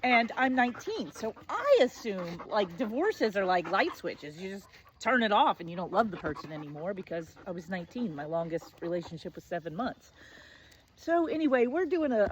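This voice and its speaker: A woman in her forties, hosting her own show, telling a personal story in a casual, self-mocking way with excited high bursts and low asides. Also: normal speed, background noise.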